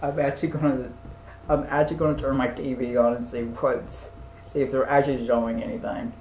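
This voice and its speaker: A man's voice: medium pitch, flat delivery, fairly quick, darkish tone. Rambling man in an echoey room. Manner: rambling, loose and profane, with many fillers. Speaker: podcast co-host. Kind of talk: casual chat. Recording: echoey room with faint noise.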